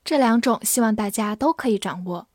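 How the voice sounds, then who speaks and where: A woman teaching English words to Chinese speakers, spelling them out letter by letter and reading example sentences slowly. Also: fairly high pitch, a little mellow, no echo, clean studio sound. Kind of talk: vocabulary lesson.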